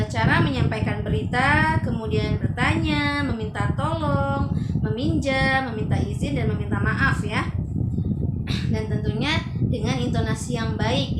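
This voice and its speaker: A woman teacher giving a gentle, explanatory lesson to young pupils, in an echoey room with steady noise behind her. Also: a little high. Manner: chants prayers loudly and slowly, then explains gently. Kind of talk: online class lesson.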